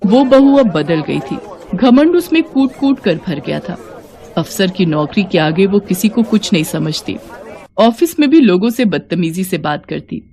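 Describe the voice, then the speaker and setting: A woman narrating a scripted moral story in an even, measured way. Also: mid-range voice, slight background noise.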